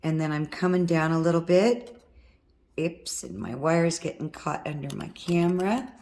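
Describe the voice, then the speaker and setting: Low, hoarse woman teaching a craft. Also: moderate pace, a little mellow, a little hiss or hum. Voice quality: husky from vocal cord nodules. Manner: chatty, talks while working with her hands. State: hoarse, worn-out voice. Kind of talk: step-by-step craft tutorial.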